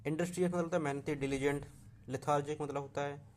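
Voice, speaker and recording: A man's voice: a little high, steady tone, fast, a little hiss or hum. A young man teaching an exam vocabulary lesson, reading words off a list, repeating them and correcting himself.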